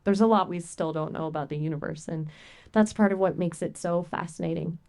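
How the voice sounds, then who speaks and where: With a voice on the low side and a slightly quick pace, a woman acting as a conversational AI assistant chats in a loose, playful, expressive, colloquial manner.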